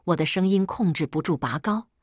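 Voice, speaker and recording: Low, husky woman narrating a story. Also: brisk, no room sound, studio quality. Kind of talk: scripted first-person story narration.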